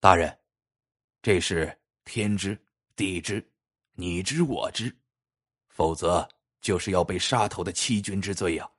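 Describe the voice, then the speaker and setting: A man voicing a calm, self-assured master craftsman in a folk tale, speaking low and measured. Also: slightly rough. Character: calm, masterful male jade carver.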